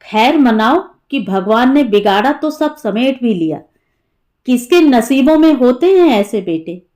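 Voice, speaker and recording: A woman's voice: a little high, animated, measured pace, a little mellow. A woman voicing a blunt older neighbor woman who scolds a grieving mother in an audiobook story. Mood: chiding. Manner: chiding.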